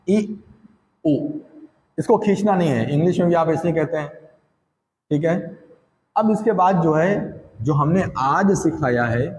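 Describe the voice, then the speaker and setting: A man runs a recitation lesson at a very slow pace, with a voice pitched a little high. He draws out each syllable in drills before he explains the sounds in everyday speech. His voice rings with a long reverb, as if he were speaking in a large, hollow room. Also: a little mellow. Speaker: Quran reading teacher. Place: classroom or room with a board.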